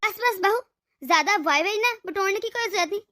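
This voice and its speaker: A woman's voice: extremely high pitch, a little fast, sharp tone. A woman voicing a domineering, scheming older mother-in-law in a Hindi cartoon, giving orders in a commanding tone. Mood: bossy. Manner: bossy, commanding.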